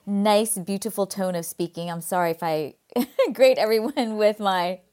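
A woman's voice: medium pitch, a little slow, a little mellow. A middle-aged woman with a Californian Valley girl accent, chatting casually and emphatically as an interview guest. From California, United States. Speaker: podcast guest, skincare brand founder. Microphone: video call.

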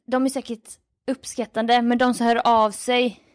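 A woman who hosts night radio, chatting on a podcast and telling lively stories about her listeners with frequent laughs. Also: a little high, no room sound, studio quality. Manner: animated storyteller, reads listener mails aloud, laughs often. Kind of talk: casual podcast chat. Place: home with building work going on.

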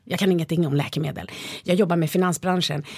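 A woman in an interview, a leadership developer telling her stories in a lively, animated way. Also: on the low side, husky, no room sound, studio quality. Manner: lively storyteller, animated retellings. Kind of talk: interview conversation.

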